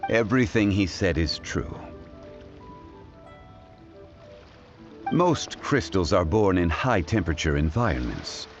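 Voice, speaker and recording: An actor playing a calm, erudite gentleman expert in a video game, speaking in a measured, formal, scholarly way. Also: low-pitched. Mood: assured, explanatory. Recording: slightly dull audio with music.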